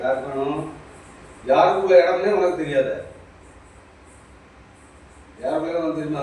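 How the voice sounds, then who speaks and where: In a small shop, a male spiritual teacher gives an impromptu, preachy talk, repeating himself and addressing the listener directly. His voice is mid-range and darkish, and the recording sounds distant, echo-heavy, and faintly noisy.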